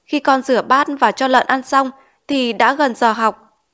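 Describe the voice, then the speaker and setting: A woman's voice: high-pitched, a little slow, fairly bright tone, voice pushed up. A woman reading as a timid tearful schoolboy. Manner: meek, polite address. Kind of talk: audiobook character reading.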